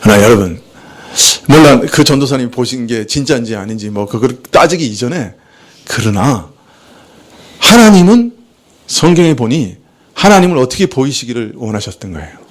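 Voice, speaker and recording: A man's voice: mid-range voice, big pitch swings, moderate pace. A man preaching a sermon as pastor, asking rhetorical questions and answering them himself, acting out quoted speech. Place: church.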